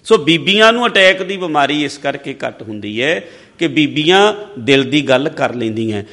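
Male preacher, fairly high voice, earnest, long hall reverb. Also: sing-song, normal speed. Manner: earnest, swings between loud emphasis and soft low asides. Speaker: religious preacher. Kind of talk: sermon with personal stories. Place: large hall or stage.

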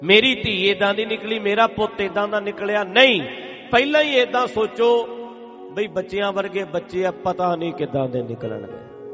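A man's voice: sits high, moderate pace, in a large hall, dull audio, music in the background. A man preaching a sermon, driving points home by repeating them and breaking into chanted scripture verses. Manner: emphatic, repetitive, breaks into chant. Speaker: Sikh preacher. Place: gurdwara stage in a hall.

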